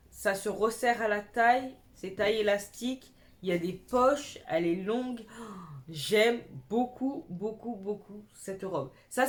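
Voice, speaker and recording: A young woman chatting casually and enthusiastically while showing off clothes she bought secondhand, dropping slang as she goes. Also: medium pitch. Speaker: fashion vlogger. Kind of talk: casual clothing haul chat.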